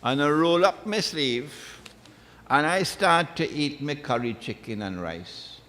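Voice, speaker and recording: A man delivers an unhurried religious lecture, his pitch rising and falling widely as he drives points home. He repeats key phrases for emphasis. The sound carries a long reverb, like a large hall. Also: expressive, a bit bright. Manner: emphatic, repeats phrases, recites Arabic verses. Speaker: Islamic lecturer.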